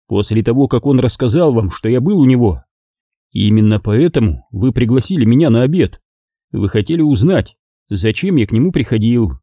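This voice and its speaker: A man's voice: mid-range voice, animated, moderate pace, warm tone, no room sound. A man voicing a dogged male investigator who presses blunt accusations. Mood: accusing.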